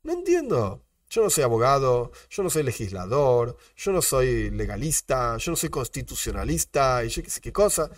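A man with an Argentine Spanish accent, teaching a religious lesson as a rabbi, animated, asking rhetorical questions and repeating his disclaimers. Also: medium pitch, moderate pace, few pauses, no echo, studio quality, distant mic.

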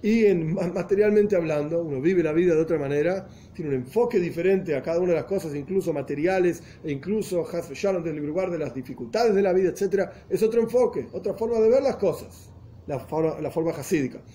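A man's voice: a little high, fast talker, mellow, a little hiss or hum. Earnest man teaching a religious lesson. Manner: earnest, explains step by step, often restating and rephrasing. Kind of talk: explanatory lesson in Spanish with Hebrew and Yiddish terms.

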